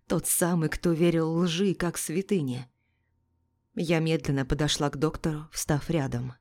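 A woman's voice: deep voice, fairly even intonation, unhurried, darkish tone. A woman reading a dramatic first-person story as narrator.

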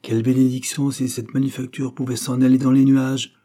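A man voicing a sarcastic young gentleman who grumbles and teases, in a read-aloud novel. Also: medium pitch, normal speed, slightly rough, natural voice. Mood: teasing. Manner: mocking, half-grumbling. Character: teasing young man, sarcastic but tender.

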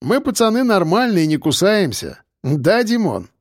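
A brash young tough, as a narrator plays him, swaggering and crude, his voice pushed high and loud. The pitch swings widely from taunts to shouts. The sound is close and dry. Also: very animated, measured pace, no echo. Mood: leering. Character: brash cocky young male driver, crude. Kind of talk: audiobook character voice.

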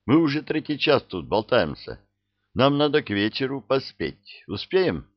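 A man's voice: medium pitch, big pitch swings, measured pace, no room sound, voice pushed up. A man voicing an irritable, impatient male swindler. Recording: dull dry studio sound.

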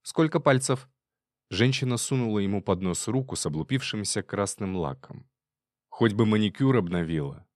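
A man narrating an audiobook in an even storytelling manner. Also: lowish voice, moderate pace, dry recording, studio quality. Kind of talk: audiobook reading.

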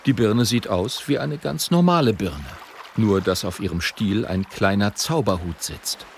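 A man narrating a children's audiobook in a slow, animated storytelling manner. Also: lowish voice, creaky, slight background noise.

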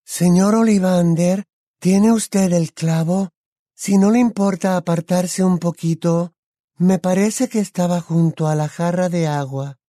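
A man doing a dreamy, soft-spoken teenage girl. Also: high-pitched, dry recording, studio quality, voice pushed up. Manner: soft, slow, calm.

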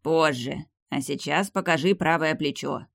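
An old grandfather who leads his clan and savors his own authority, put on by an audiobook reader. He talks slowly and pompously. The recording is close and dry. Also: mid-range voice, vocal fry, no room sound. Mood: stern. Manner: slow, self-important, drawn-out speech. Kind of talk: audiobook character voice.

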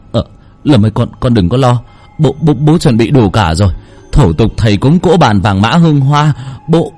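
A man's voice: fairly high pitch, dark tone, pitched above the performer's own voice. A man voicing a middle-aged father who sobs and stammers as he cries out to his dead son.

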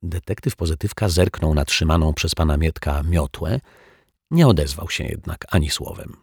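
A man narrates a children's detective story with a low, husky voice. The recording is dry and close, with no room sound. He reads at an even, storytelling pace. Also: moderate pace, dry recording. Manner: voices the characters with raised pitch and louder delivery. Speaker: audiobook narrator. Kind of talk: children's audiobook reading.

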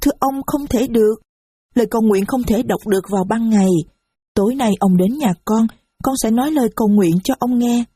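A woman voicing a small, innocent little girl who speaks slowly and sweetly in a storybook reading. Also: a little high, dark tone, breathy edge, pitched above the performer's own voice. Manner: slow, sweet childlike phrasing.

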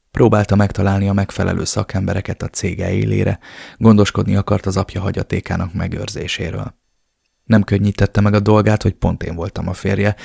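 A man narrating a novel in the first person, steady and measured, as an audiobook reader. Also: low-pitched, creaky, slightly rough, dry recording, studio quality.

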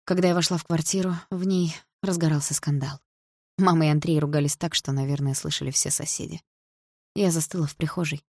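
A woman reading a first-person novel aloud in a quiet, measured way. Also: low voice, steady tone, no echo, clean studio sound. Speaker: audiobook narrator.

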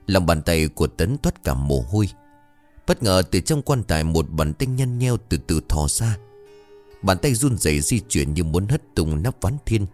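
Deep-voiced man telling a horror story. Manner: suspenseful, expressive. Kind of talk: dramatic horror story narration.

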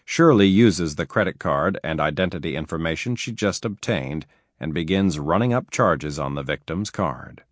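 A man reading nonfiction aloud as an audiobook narrator, telling cautionary stories in an emphatic, expressive way. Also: low voice, moderate pace, no room sound, studio quality.

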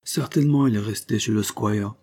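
A man voicing a kindly woman housekeeper who speaks warmly and anxiously. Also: fairly low pitch, moderate pace. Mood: fretful. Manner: warm, anxious.

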